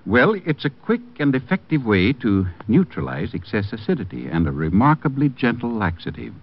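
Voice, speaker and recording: A man playing a polished, reassuring American pitchman in a scripted old radio commercial. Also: sing-song, normal speed. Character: helpful, assured male drugstore pitchman. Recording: muffled old radio recording.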